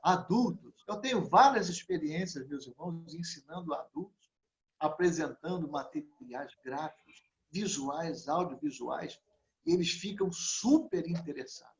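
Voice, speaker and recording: High-voiced man teaching in a roomy space. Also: lively intonation, highs cut off. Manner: didactic, checks in with listeners through frequent tag questions; stretches key words slowly for emphasis. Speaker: pastor and Sunday school teacher trainer. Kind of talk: teaching lecture.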